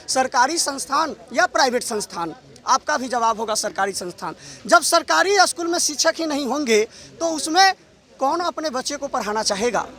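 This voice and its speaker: Male protester, declamatory speech, very high pitch, crowd noise around. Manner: fiery, declamatory, accusing. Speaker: protester speaking to press.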